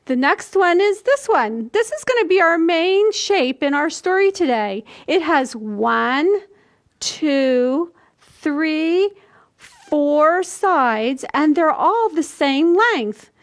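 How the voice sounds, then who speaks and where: Sitting high and sounding expressive, this older woman's voice leads a children's storytime at the library. She's in her sixties, reading aloud in a small indoor room and explaining things slowly and simply for small kids.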